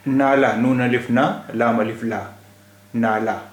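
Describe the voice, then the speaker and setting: Male teacher, slow and patient, spells out and repeats words, echoey room, even mid pitch. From India. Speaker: language teacher.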